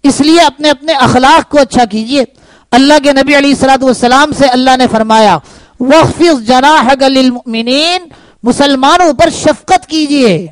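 A man's voice: very high-pitched, no room sound, rough recording. A man preaching a sermon, telling stories and asking his listeners rhetorical questions. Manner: animated storytelling with rhetorical questions.

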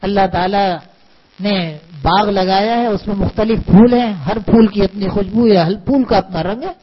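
A man's voice: high voice, dull audio, crowd noise. A man, a religious scholar, preaching a sermon and teaching through parables and rhetorical questions.

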